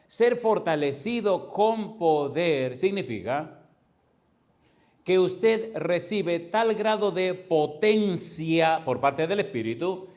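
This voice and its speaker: A man preaching a fervent sermon as pastor, with emphatic repetition, drawing some words out slowly and rushing through others. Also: high voice, animated, a little mellow. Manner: swings between slow stressed words and fast runs.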